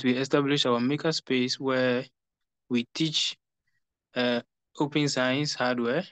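A man from Ghana giving a candidate statement on a video call, with steady, formal phrasing. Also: mid-range voice, clear, resonant tone, no echo. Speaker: election candidate. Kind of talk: online meeting statement. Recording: dull dry video-call audio.

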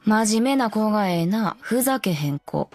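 A woman's voice: medium pitch, expressive, normal speed. Blunt Kansai-accented woman. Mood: scolding. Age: adult. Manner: sharp retorts, straight-man scolding. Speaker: commentary co-host. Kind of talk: in-character anime commentary.

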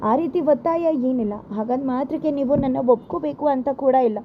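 A woman voicing a gentle, soft-spoken widowed father, on a dull lo-fi recording. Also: high voice, normal speed, a little hiss or hum, close to an everyday voice. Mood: tender. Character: gentle widowed father, a man who turns fierce when crossed.

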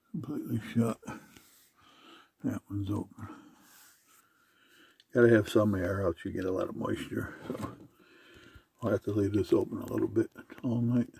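A camping vlogger with a low, gravelly, husky voice and dark tone records a casual video diary on a handheld phone. He talks plainly and matter-of-factly from inside a camper while rain falls outside.

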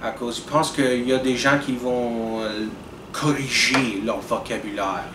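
A young Canadian video blogger speaks directly to camera in front of a dark curtain indoors, his medium-pitched voice fairly even and unhurried. He's earnest and deliberate, restarting often and gesturing with his hands. The recording is roomy and distant, with an echo and air-conditioning hum.

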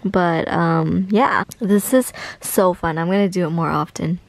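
A woman's voice: lowish voice, unhurried, gravelly, no room sound. A tired young woman chatting casually in a vlog, gushing affectionately over fan messages. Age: young adult. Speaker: vlogger reading fan messages.

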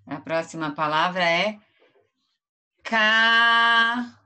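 A woman's voice: fairly low pitch, lively intonation, measured pace, pushed and bright. A Brazilian woman teacher giving an online lesson to first graders, drawing out each word syllable by syllable. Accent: Brazilian Portuguese. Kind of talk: online lesson for young children.

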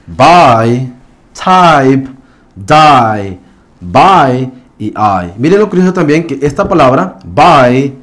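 Male teacher, fairly high voice, patient explanatory lesson delivery with frequent check-ins, marker scratching in the background. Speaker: English teacher. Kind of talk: pronunciation lesson.

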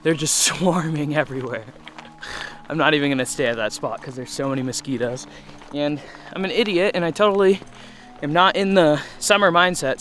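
Relaxed young man vlogging outdoors. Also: a little high, slight background noise. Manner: relaxed, chatty, self-deprecating. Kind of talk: casual outdoor vlog narration. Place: outdoors by a river in a forest. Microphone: action camera, handheld or chest-mounted.

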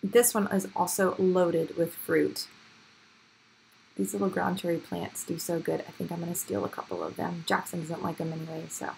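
A fairly low-pitched woman with vocal fry and a slightly mellow voice speaks at normal speed, hosting a home gardening vlog with a casual, upbeat, chatty evening tour of her backyard garden. The low-quality recording comes from a handheld camera or phone outdoors, with background noise and faint ambience.

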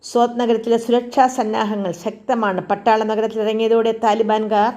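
A woman reading a documentary script aloud at a steady, even pace, announcing each scene. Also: on the high side, normal speed, dull audio. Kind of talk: read-aloud script narration.

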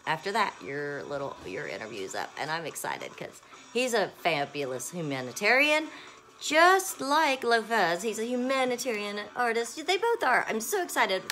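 A woman's voice: mid-range voice, pushed and bright. A woman hosting a live stream and radio show, gushing and bubbly as she talks straight to her viewers with music playing behind her. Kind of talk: excited casual live-stream chat. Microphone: phone or webcam on a live stream. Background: music playing in the background.

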